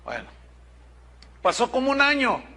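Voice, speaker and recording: A man's voice: very high-pitched, normal speed, breathy edge. A male pastor preaching a sermon to his congregation, telling a story directly and acting out the people in it. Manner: animated storytelling, quotes people in their voices. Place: church.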